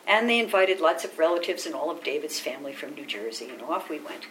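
An older woman being interviewed, telling family memories in a lively, anecdotal way and acting out quoted voices. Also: sits low, fast, slight background noise, rough recording. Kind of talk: oral history storytelling.

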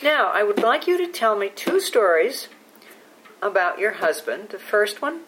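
Encouraging woman interviewer with lively pitch. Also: unhurried, rough recording. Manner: encouraging, with many short backchannels. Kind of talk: oral history interview.

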